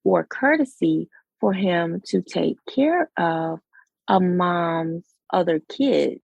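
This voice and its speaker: Raspy-voiced woman podcast host, slow and gravelly. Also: on the low side, darkish tone, dry recording, low-quality recording. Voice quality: raspy late-night voice. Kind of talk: casual podcast chat.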